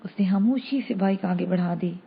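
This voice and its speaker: A woman narrator reading a novel in a steady first-person way. Her voice is husky at a middle pitch, and the recording sounds a bit dull and lo-fi. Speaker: audiobook narrator.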